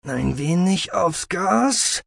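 A gruff middle-aged starship pilot barks curt replies, as a male narrator voices him. His voice sits mid-range with a growl. It is recorded dry and close. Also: high voice, animated, drawn-out words, no echo, voice pushed up, full character voice.

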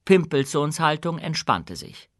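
A man narrates a fantasy audiobook in an even, measured manner. His voice is bright and clear, recorded close in a dry room. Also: fairly high pitch, no room sound. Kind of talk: scripted narration.

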